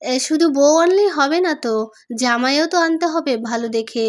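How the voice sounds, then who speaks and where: Woman reading as a stern, sharp-tongued mother. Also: high-pitched, lively intonation, moderate pace. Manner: lecturing, insistent.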